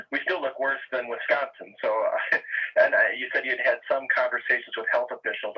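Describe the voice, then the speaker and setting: Male press reporter, husky, hedging questions, relayed through a speaker from a dull, scratchy call line. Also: mid-range voice. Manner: rambling, hedging questions with soft laughs. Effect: scratchy web-call audio played back through a speaker.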